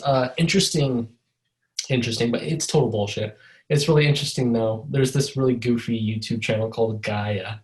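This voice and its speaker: On a video call over a mobile hotspot, a podcast co-host rambles through casual chat, cracking jokes and cursing freely. His voice sits at medium pitch with a darkish tone. The recording is rough.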